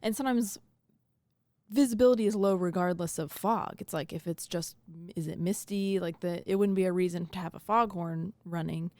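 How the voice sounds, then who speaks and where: A woman's voice: lowish voice, a little mellow, no echo. A young woman co-hosting a podcast in a studio, chatting casually and explaining things with lots of "like" fillers. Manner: chatty, with fillers like "like" and quick laughs. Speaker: podcast co-host. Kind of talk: casual chat.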